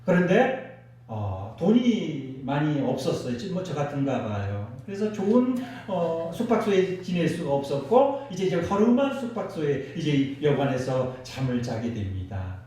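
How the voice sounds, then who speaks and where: A male pastor preaches with a high, lively voice that swings up and down as he acts out quotes and leads call-and-response. The recording is very echoey, picked up from a distance in a church sanctuary. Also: moderate pace. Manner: animated preaching with acted quotes, calls for congregation responses. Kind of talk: sermon. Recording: echoey church hall, mic from afar.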